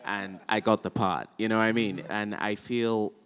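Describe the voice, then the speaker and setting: A man with a low voice spins a theatre anecdote for a live audience. He tells it with energy and taps out the beat of the verse as he goes. A long reverb from the hall hangs on his words. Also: moderate pace, smooth. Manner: animated storyteller, chants verse rhythms aloud. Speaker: actor. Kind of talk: panel conversation, anecdotal.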